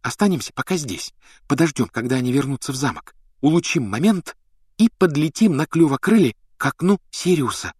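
A man voicing an anxious, urgent schoolgirl, with his pitch raised, in a storybook reading. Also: animated, fairly quick, a little mellow, slightly rough, no room sound, clean studio sound.

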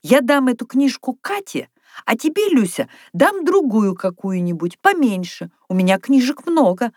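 A woman reading aloud, voicing a lively young girl who dreams of being an artist. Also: fairly high pitch, moderate pace, no room sound, studio quality, pitched above the performer's own voice. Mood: eager. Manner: eager, bright, storytelling.

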